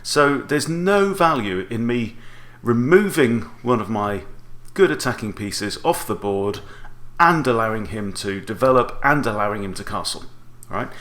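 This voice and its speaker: A man's voice: medium pitch, fairly bright tone. A man in his forties giving explanatory chess commentary as an instructor, talking through options with rhetorical questions.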